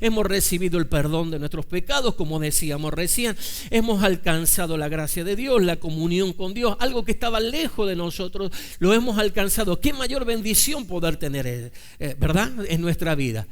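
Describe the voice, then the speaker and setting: A man preaching a sermon as pastor, talking to his congregation in a conversational way, asking rhetorical questions and slowing down to stress scripture quotes. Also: high voice, lively intonation.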